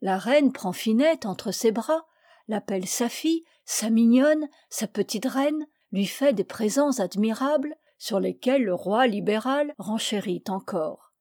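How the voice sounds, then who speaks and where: A woman reading an old fairy tale aloud in a clear, measured storytelling manner. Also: fairly high pitch, lively intonation, warm tone, no echo, studio quality. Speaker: reader of fairy tales.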